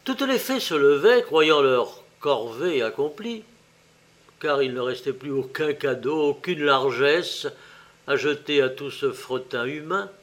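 Slow, expressive male storyteller. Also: medium pitch. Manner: expressive, slow and deliberate, with wide swings in loudness. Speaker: narrator. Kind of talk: literary storybook reading.

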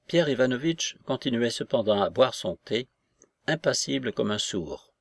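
A man reading a novel aloud in an even, measured narration. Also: mid-range voice, creaky, no echo, clean studio sound. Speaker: audiobook narrator. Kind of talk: scripted literary narration.

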